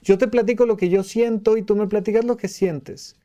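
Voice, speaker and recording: Male podcast host, psychiatrist, slightly high and dark-toned, reflective solo talk. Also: moderate pace. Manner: explains calmly, acts out little quoted lines with a raised voice.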